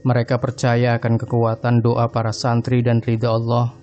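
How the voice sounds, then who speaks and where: A man narrating a scripted horror story in a mellow, dark-toned voice. His delivery stays steady and flat. Quiet music runs under the reading. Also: medium pitch, moderate pace, lo-fi sound. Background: faint background music.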